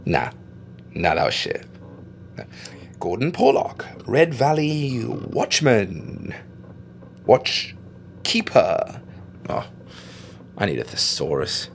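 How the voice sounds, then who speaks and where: An actor playing a chatty caretaker who talks to himself, with muttered and whispered asides. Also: male voice, fairly low pitch, sing-song, slow pace, vocal fry, pauses often, a little hiss or hum, heavily acted. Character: chatty male caretaker archiving logs.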